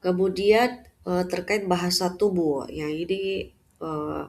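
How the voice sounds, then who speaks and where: A woman lecturing at an unhurried pace, her voice sitting slightly low. She moves through her points with filler pauses and "ya" tags at the ends of phrases. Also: a little mellow. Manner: measured, with frequent "eh" fillers and "ya" tags. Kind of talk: unscripted lecture.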